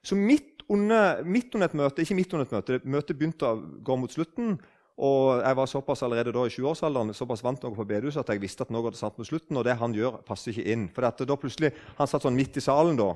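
A man in his sixties from southern Norway, telling a story in a conversational way, often restarting his sentences. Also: medium pitch. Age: 60s. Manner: animated, restarts sentences, acts out quoted speech. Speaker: speaker on faith.

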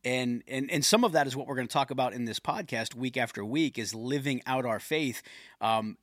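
A man's voice: mid-range voice, moderate pace, a bit bright, no room sound, clean studio sound. A middle-aged man co-hosting a faith podcast, speaking earnestly and quoting scripture. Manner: earnest, quotes scripture, affirms often. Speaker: podcast co-host. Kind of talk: casual faith podcast talk.

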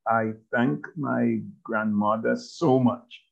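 Slow, measured Jamaican man in his sixties. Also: mid-range voice, creaky, muffled recording. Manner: measured and halting, with many pauses. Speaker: guest, bishop and author. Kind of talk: casual interview talk.

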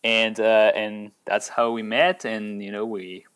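A man's voice: fairly low pitch, little pitch movement, unhurried, fairly bright tone, clean tone. A man in his thirties with a French accent, a company founder speaking as a guest in a casual interview, with frequent restarts and fillers. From France. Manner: hesitant, many restarts and fillers.

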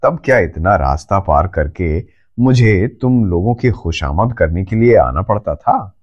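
A man voicing a jovial, teasing old bald grandfather in a storybook reading, slow and playful. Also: sits low, expressive, a little mellow, highs cut off.

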